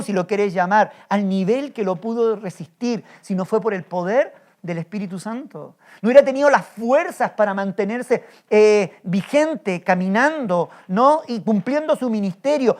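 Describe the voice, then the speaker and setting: A male pastor preaching a sermon, telling a story with energy and often asking the congregation rhetorical questions. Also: sits high. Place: church.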